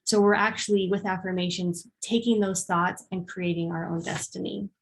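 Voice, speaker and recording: A woman's voice: on the low side, little pitch movement, normal speed, vocal fry, a little hiss or hum. A woman presenting a self-help workshop in a conversational way, with frequent ums and short acted-out examples. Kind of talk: casual workshop talk.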